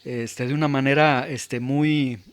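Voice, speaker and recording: A man's voice: mid-range voice, fairly even intonation, slow, smooth. A man preaching an expository sermon in an emphatic manner, repeating words and stressing key terms. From Mexico. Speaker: pastor.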